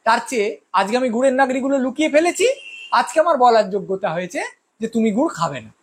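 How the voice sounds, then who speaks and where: A woman's voice: on the high side, lively intonation, fast, slightly rough. A woman voicing an older village herbal doctor in a story, patient and explaining. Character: wise old village herbal doctor, man, calm.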